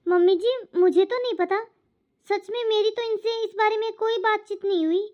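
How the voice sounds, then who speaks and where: Cartoon daughter-in-law, meek and defensive, woman voicing, high voice, lo-fi. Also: steady tone, normal speed. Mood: hesitant. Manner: hesitant, then defensive.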